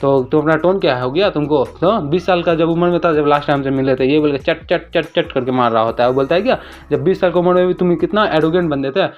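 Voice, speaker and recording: A man retelling a comic story in a casual recap, talking rapidly and briefly raising his voice for quoted lines. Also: fairly high pitch. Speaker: manhwa recap narrator. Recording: dull lo-fi voice-over with faint music.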